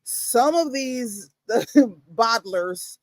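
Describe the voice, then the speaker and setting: A woman chatting casually on a video-call livestream, playful and teasing with an animated manner. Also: on the high side, extremely slow, dry recording.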